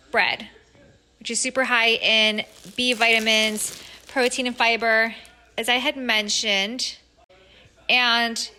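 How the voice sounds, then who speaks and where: A woman's voice: a little high, bright, forceful tone. A young woman, a dietitian, chatting casually and upbeat in a vlog about her day and the food she loves. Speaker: registered dietitian vlogger.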